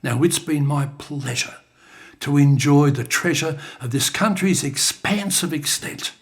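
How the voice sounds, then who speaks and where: Gravelly older poet, lively delivery. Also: male voice, on the high side, a little slow. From Australia. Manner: expressive, dramatic recitation. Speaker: bush poet. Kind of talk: recited performance poetry. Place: creative studio.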